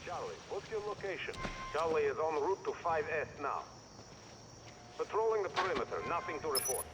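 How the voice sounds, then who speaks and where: A guard on a distant two-way radio. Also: male voice, a little high, lively intonation, moderate pace. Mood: routine. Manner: clipped radio call-and-response. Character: male security guard reporting over radio. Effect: over a two-way radio. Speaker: guard on patrol. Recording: distant radio voice under loud game noise.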